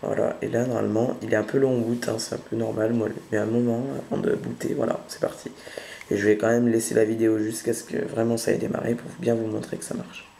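A man hosting a casual tech tutorial, giving patient step-by-step instructions and often pausing to show what happens. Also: fairly low pitch, level tone, gravelly, warm tone, a little hiss or hum. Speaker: tutorial host.

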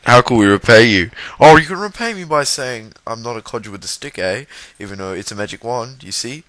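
A man's voice: mid-range voice, lively intonation, a little fast, fairly bright tone, dry recording, natural voice. A man playing a gloating old wizard. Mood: cheerful. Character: scheming old male wizard with a wand. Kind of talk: amateur comedy dub.

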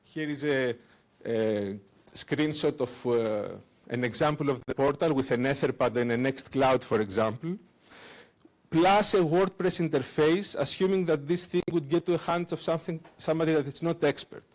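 In a conference lecture room, a man uses a handheld microphone for a technical talk featuring a live demo. His slightly high voice comes out haltingly, with many fillers and restarts and non-native phrasing.

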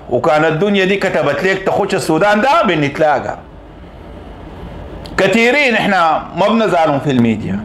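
A Sudanese man with a Sudanese Arabic accent and a high-pitched voice holds forth in a combative political monologue, dropping to low mutters and rising to shouted taunts. The room around him is echoey, with a faint hiss underneath. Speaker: political commentator. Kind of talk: impassioned monologue.

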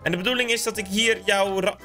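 A man giving excitable, chatty let's-play commentary on a block-building game and talking straight to his viewers. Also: high voice, quick pace, soft background music. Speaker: gaming YouTuber.

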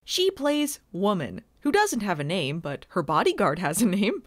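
A woman's voice: medium pitch, normal speed, dry recording, studio quality. Sarcastic woman recapping a show. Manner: sarcastic, deadpan asides. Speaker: video reviewer. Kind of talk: comedic recap narration.

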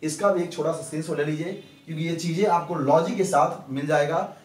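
A man teaching English pronunciation in Hindi, repeating each rule slowly and answering his own questions. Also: fairly high pitch, fairly even intonation. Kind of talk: Hindi grammar lesson. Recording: echoey room, distant mic.

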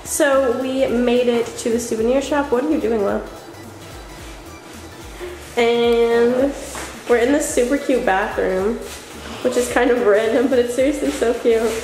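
A woman's voice: a little high, unhurried, long pauses, a little mellow, rough recording. A teenage girl chatting casually in a travel vlog, upbeat and full of "super" and "so cute", filmed on a camera held at arm's length. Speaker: vlogger. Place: beach house kitchen, indoors. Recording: pop music playing under the voice.

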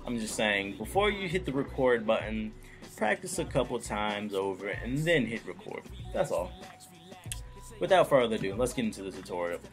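A young YouTube tutorial host, his voice on the low side with big pitch swings, jokes and addresses viewers directly during a casual screen-recorded computer tutorial. He talks at normal speed over soft background music.

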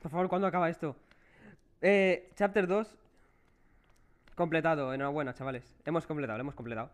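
Jumpy Spanish gamer man, higher voice. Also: very fast. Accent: Spain Spanish. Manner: jumpy, curses and groans when startled. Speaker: livestreaming gamer. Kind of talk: live horror game commentary to viewers.

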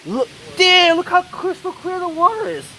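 A man filming a walking tour vlog on a phone outdoors, excited and exclaiming often. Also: extremely high pitch, normal speed, low-quality recording. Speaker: travel vlogger. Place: outdoors at ruins by a waterfall.

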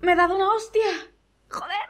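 Excitable high-voiced Spanish woman gamer. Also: fast. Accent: Spain Spanish. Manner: excitable, self-mocking, swears freely. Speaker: gaming channel host. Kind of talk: casual let's-play commentary.

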